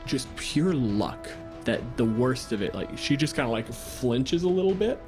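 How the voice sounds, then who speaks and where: A man acting as game master improvises tabletop narration casually and with plenty of swearing. His mid-range voice is sing-song and unhurried, with music playing behind him.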